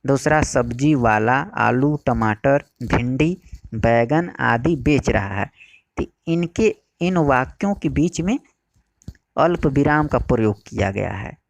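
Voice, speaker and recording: A man teaching a Hindi exam-prep lesson, explaining slowly and repeating key phrases. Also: medium pitch, expressive, vocal fry, dry recording.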